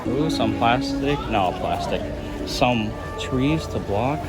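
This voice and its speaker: A man's voice: medium pitch, expressive, slow pace. A man vlogging casually as he walks through a theme park, often exclaiming at the sights. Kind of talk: casual vlog commentary on a walk-through. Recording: loud music behind, busy theme park. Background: loud park music.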